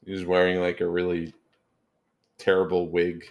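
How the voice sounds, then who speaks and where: A man's voice: low-pitched, monotone, moderate pace. A man acting as game master, narrating a tabletop game in casual speech.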